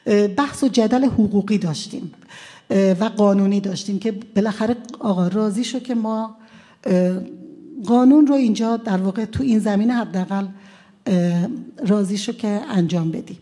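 Mellow-voiced woman lawyer recounting a trial. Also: mid-range voice. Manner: conversational, frequent hesitant fillers. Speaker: defense lawyer. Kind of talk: recounting courtroom events at a press conference.

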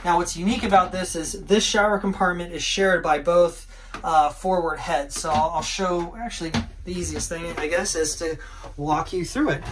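A middle-aged yacht broker with a high-pitched voice talks at a normal speed through an easygoing tour of a marina sailboat, deck and below, with lots of "uh" fillers. Background noise comes through on the handheld, first-person camera audio.

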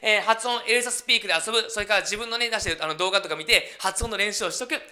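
Male cram-school English teacher, 30s, brisk and bright delivery, chatty and encouraging advice. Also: high voice. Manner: chatty and encouraging, frequent tag particles and fillers. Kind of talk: casual lecture-style study advice video.

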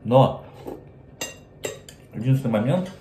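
A man's voice: mid-range voice, lively intonation, slow pace, mellow, slight background noise. A man chatting casually while eating, talking through a mouthful of food in a rambling way. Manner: rambling, chatty, stumbles over words. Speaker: mukbang vlogger. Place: indoors at a table, eating. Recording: echoey room, faint dish clatter.

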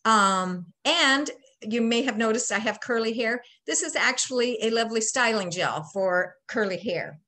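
A woman's voice: fairly high pitch, normal speed, pushed and bright. A woman in her sixties, a beekeeper giving a webinar presentation over a video call from home, chatty and folksy, with many ums. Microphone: laptop webcam mic on a video call.

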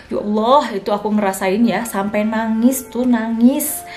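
A woman's voice: a little high, measured pace, a little mellow. A young woman, chatting frankly to her viewers as a vlogger and new mother, and acting out what others said to her in a raised voice. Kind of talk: casual chat to viewers.

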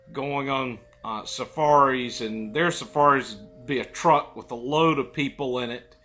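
Bright-voiced man storytelling with pipe in mouth. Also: mid-range voice. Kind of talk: casual storytelling monologue to camera. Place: living room, indoors.

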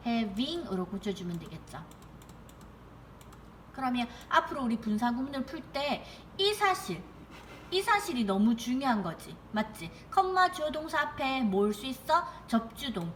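A young woman teaching an English grammar lesson online, asking her students questions and reading the example sentences slowly. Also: a little high, a bit bright, a little hiss or hum. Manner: coaxing, asks students rhetorical questions. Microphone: computer mic while writing with a mouse.

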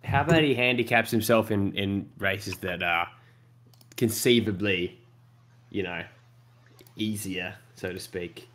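A man's voice: fairly low pitch, measured pace, pauses often, fairly bright tone. A man giving casual race commentary, rambling and hesitant with lots of fillers.

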